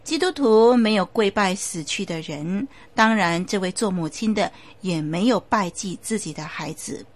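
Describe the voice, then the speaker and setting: Brief: a woman preacher telling a sermon story, steady and emphatic, with occasional fillers. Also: medium pitch, normal speed, hardly any pauses.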